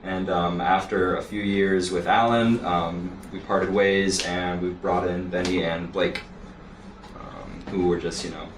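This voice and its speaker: A man from Florida, a rhythm guitarist guesting on a radio show, telling a story hesitantly with many pauses. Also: low voice, fairly even intonation, noisy background. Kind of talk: casual radio interview. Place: radio studio. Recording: echoey, distant from the mic.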